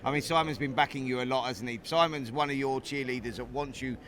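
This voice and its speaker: Fast-talking, bright-voiced British man. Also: medium pitch, steady tone. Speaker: sports radio presenter, interviewer. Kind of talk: casual sports radio banter.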